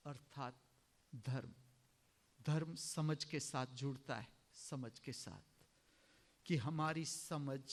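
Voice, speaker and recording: Male spiritual teacher from India, slightly high voice, very slow, emphatic sermon delivery. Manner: slow, emphatic, clears throat often.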